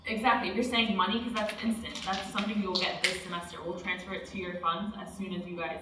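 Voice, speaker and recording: A woman's voice: fairly low pitch, steady tone, fast, very noisy. A woman student government officer talking persuasively in a meeting discussion. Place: meeting room. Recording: echoey room from far off.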